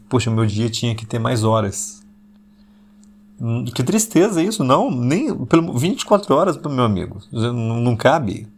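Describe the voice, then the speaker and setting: A man, hosting an intimate late-night podcast monologue and deliberately talking slower and lower, though he still slips into speaking fast. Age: 40s. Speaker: podcast host.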